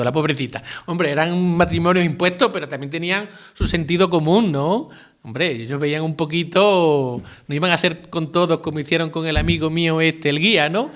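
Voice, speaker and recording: A man, giving a relaxed retreat talk as a priest, asking his listeners questions and adding asides. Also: fairly high pitch. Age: 50s. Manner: conversational, asks listeners rhetorical questions, adds asides and jokes.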